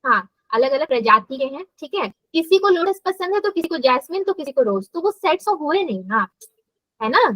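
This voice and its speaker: High-voiced woman teaching math. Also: very animated, moderate pace, pushed and bright, dry recording, low-quality recording. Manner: mixes English terms into explanations, asks students questions. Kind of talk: live online class lecture.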